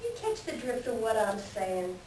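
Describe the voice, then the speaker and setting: A woman's voice: a little high, big pitch swings, moderate pace, a little mellow, roomy sound. Female reader as scoundrel coyote, sly, folksy, boastful, stage animal fable, distant mic, faint noise. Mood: hard bargaining. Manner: folksy drawling rustic speech, boastful. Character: sly, self-serving, bargaining Coyote trickster scoundrel. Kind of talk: readers theater animal folktale performance. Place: library readers theater performance.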